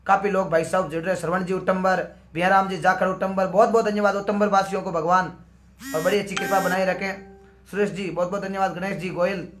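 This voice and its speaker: A man's voice: sits high, a bit bright. A man with a sore, strained throat, hosting a live stream and greeting viewers by name one after another. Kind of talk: live stream chat, reading out viewer comments.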